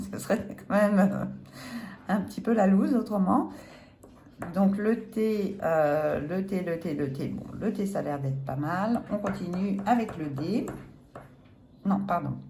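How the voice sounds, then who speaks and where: A woman's voice: mid-range voice, measured pace, mellow, a little hiss or hum. A woman scratching a lottery ticket on camera, chatting casually and laughing at herself apologetically. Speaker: lottery scratch card vlogger. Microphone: phone or camera filming the ticket.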